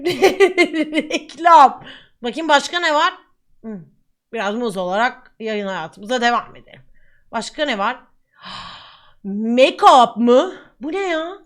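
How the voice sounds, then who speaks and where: A woman's voice: high voice, animated, slow pace, fairly bright tone. A woman streamer chatting playfully and giggling often during a casual live stream.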